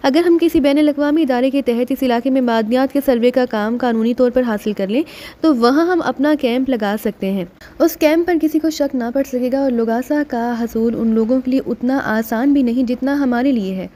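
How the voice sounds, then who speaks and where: A man's voice: very high voice, warm tone. A woman voicing a serious man who lays out a mission plan in an audiobook. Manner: serious, measured. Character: grave male mission planner.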